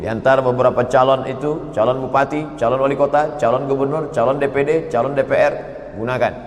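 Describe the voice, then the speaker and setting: A man's voice: medium pitch, steady tone, fast. Preaching man in an echoing hall. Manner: rhetorical questions, acts out dialogue, chants Arabic verses. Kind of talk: sermon with audience questions. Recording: roomy hall reverb.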